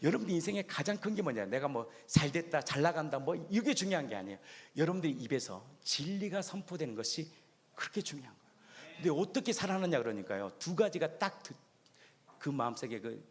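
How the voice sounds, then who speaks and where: A male pastor preaching a sermon at a youth rally, swinging from loud cries to hushed, quiet lines. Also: a little high, big-room sound. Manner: preaching with dramatic swings between shouting and hushed speech. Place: church hall at an outdoor youth rally.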